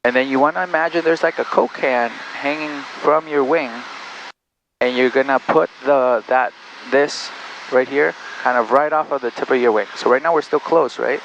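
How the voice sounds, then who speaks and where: A gravelly-voiced man coaches as a flight instructor over a muffled cockpit intercom, with some engine noise behind him. His instructions are calm, directive and encouraging, laid out one step at a time. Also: mid-range voice, moderate pace. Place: inside a small airplane in flight. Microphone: aviation headset.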